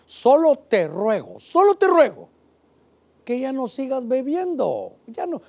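A man's voice: sits high, big pitch swings, moderate pace, warm tone, pitched above the performer's own voice. A man preaching who voices God speaking to a woman in a pleading, emphatic way. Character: God, male divine voice, earnestly pleading.

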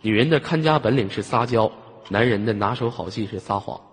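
On a noisy mic with long hall-like reverb, a man with a husky, low voice hosts a live online voice chat. He talks fairly quickly, teasing callers in jest and chuckling often.

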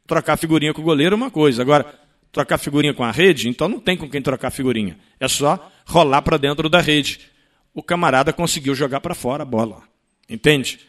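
A man's voice: on the high side, a bit bright. A Brazilian man hosting a sports radio show, talking conversationally with colloquial emphasis and repetition.

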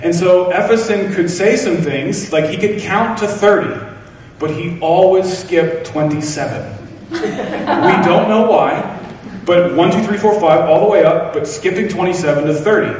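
A man's voice: high-pitched, a little slow, a little mellow, a little hiss or hum. A man preaching a sermon, telling stories with self-deprecating humor. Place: church hall. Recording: echoey hall from far off.

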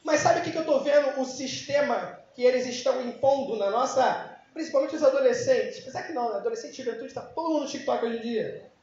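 A man preaching an informal youth sermon, joking and now and then breaking into shouts. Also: extremely high pitch, quick pace. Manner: casual, joking, with bursts of shouting. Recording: very echoey, dull lo-fi room sound.

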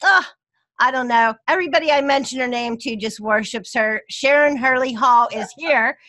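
A woman hosting a podcast in a casual, chatty way, with a gravelly voice hoarse from a cold. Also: high voice, bright, forceful tone, no echo. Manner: chatty, upbeat, spells things out slowly. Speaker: podcast host.

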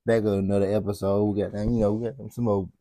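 A man's voice: on the low side, flat delivery, fast talker, mellow, no room sound, studio quality. A man hosting a podcast in loose, profane, jokey slang banter. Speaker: podcast host. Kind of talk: casual chat.

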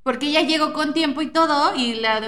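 A young woman with a Mexican Spanish accent, co-hosting a podcast and telling stories in a slangy, animated way. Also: high voice, brisk, noisy background. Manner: slangy, animated storyteller acting out quotes. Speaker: podcast co-host. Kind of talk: casual chat.

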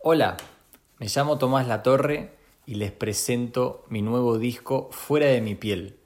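Young man, thoughtful and measured. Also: medium pitch, a little mellow. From Argentina. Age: young adult. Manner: thoughtful, measured, with small restarts. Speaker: guest musician. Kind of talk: first-person reflective monologue.

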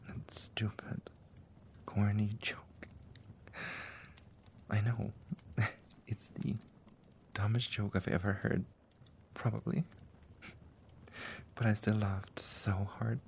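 A man voicing an affectionate, doting male dragon lover in an ASMR roleplay, talking softly and often in a tender whisper. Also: on the low side, level tone, takes it slowly, creaky, pauses often.

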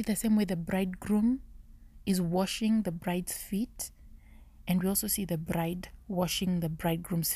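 A woman hosting a podcast, thinking aloud through a Bible study in a low, half-whispered way, often stopping to correct herself. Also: mellow. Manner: searching, self-correcting musing. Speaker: podcast host.

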